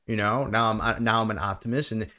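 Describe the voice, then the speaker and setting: A lowish male voice belonging to a personal trainer speaking as an interview guest. He talks earnestly and with feeling, often stumbling and restarting his sentences. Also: steady tone, sharp tone. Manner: earnest, emotional, halting with many restarts.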